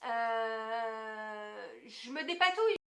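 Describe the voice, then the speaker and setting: A woman co-hosting a casual chat, playful and quick to mock herself. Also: fairly high pitch, lively intonation, pushed and bright. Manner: playful and self-mocking. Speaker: co-host. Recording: roomy echoey sound.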